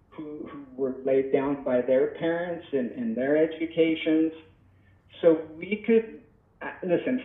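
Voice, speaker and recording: Rambling man on an echoey phone line. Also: medium pitch. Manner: rambling and reflective, with frequent restarts. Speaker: podcast guest. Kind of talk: casual podcast talk.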